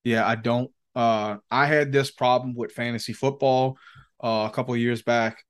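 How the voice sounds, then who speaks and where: A man's voice: medium pitch, fairly even intonation, normal speed, smooth. A man co-hosting a podcast in casual chat, rambling and slangy, with plenty of swearing. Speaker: podcast co-host.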